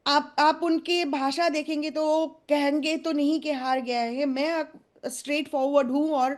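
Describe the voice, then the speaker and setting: Casting: high-pitched woman pundit, forceful opinions, halting delivery full of fillers. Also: fairly even intonation. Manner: hesitant, many fillers, mixes English phrases, assertive. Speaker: panelist. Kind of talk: news debate commentary.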